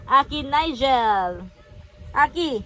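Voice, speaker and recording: High-voiced cooing mom. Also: female voice, expressive, extremely slow, sharp tone, low-quality recording. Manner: cooing, playful, laughing baby talk mixing Tagalog and English. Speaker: mother vlogging her baby's first meal. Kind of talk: home vlog baby talk.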